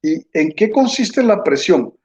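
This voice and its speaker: A man teaching an online lecture, slow and patient, checking in with his students after nearly every phrase. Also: high-pitched, big pitch swings, darkish tone. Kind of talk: online lecture while drawing on a board. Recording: dull lo-fi sound.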